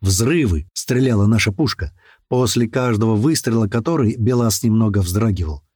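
A man doing lively first-person audiobook narration. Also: on the low side, brisk, no room sound, studio quality. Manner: lively and expressive.

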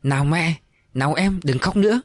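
A woman's voice: sits low, lively intonation, moderate pace, dry recording, pitched above the performer's own voice. A man voicing a practical grown daughter, speaking in a questioning, coaxing way. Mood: soothing.

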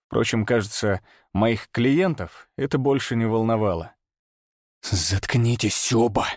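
A man's voice: mid-range voice, moderate pace, darkish tone, no room sound, clean studio sound. Man narrating a tense hunting story. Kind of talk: first-person audiobook narration.

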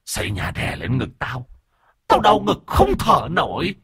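A man voicing the bitter ghost of a miscarried child, speaking in a high, thin, drawn-out whine and cursing the family. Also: huge pitch swings, a bit bright, breathy edge, no echo, studio quality, heavily acted. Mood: furious cursing. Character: wailing ghost of an unborn child, bitter, vengeful.

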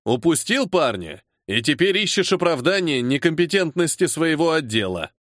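A weary, irritable colonel who grumbles and needles his defiant subordinate, performed by a male audiobook reader. His voice is gruff and sarcastic. The sound is dry and close, with no room. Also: fairly high pitch, big pitch swings, normal speed, fairly bright tone, no echo. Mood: irritated. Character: weary irritable older male colonel, security service chief.

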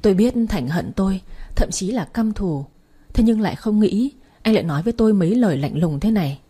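A woman's voice: medium pitch, lively intonation, fairly quick, mellow, slightly rough. A woman narrating a first-person audiobook in a grieving, emotional way.

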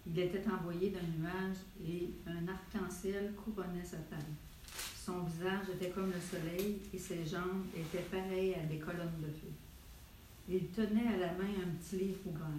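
A woman's voice: lowish voice, a little mellow, a little hiss or hum. Woman reading scripture in echoey room. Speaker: Bible study participant reading scripture. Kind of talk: reading a Bible passage aloud. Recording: roomy echo, mic far off.

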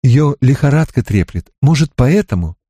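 A man's voice: medium pitch, very animated, normal speed, warm tone, breathy edge, no room sound, clean studio sound. A man reading an audiobook, voicing a tired farm mother who soothes yet stays firm. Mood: soothing, firm.

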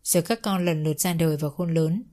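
A woman's voice: deep voice, brisk, mellow. A woman telling a family drama story in the first person as scripted narration.

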